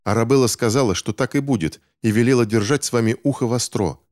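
A man's voice: mid-range voice, fast talker, a little mellow, no room sound, studio quality, voice pushed up, natural voice. A man voicing an angry, distrustful boy. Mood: angry, accusing. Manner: heated, accusing, insistent. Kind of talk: audiobook character voice.

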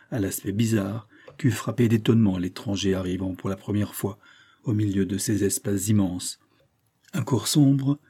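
Husky, dark-voiced male audiobook narrator. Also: lowish voice. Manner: slow, measured, descriptive. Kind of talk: scripted narration of a classic novel.

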